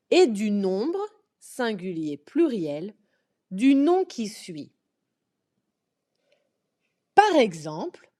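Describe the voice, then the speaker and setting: A woman teaching a language lesson at a very slow, careful pace. Her pitch sits a little high and moves a lot as she lays out example words one at a time. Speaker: French teacher.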